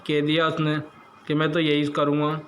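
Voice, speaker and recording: A man's voice: on the high side, completely flat delivery, moderate pace, fairly bright tone, slight background noise. A man teaching a lesson, reading a text line by line and translating each word, with questions to the class about grammar.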